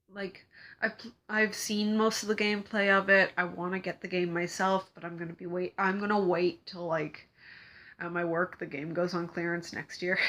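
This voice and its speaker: Congested young woman rambling on her vlog, giggles a lot, bright voice. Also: lowish voice. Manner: rambling, giggly, lots of fillers. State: congested from a cold. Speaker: cosplay vlogger. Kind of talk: casual chat to camera.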